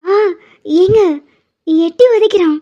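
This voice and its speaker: A woman voicing a playful, teasing pregnant young wife in an animated cartoon. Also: very high voice, slow pace, dull audio. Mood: affectionate. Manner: teasing, bossy, affectionate.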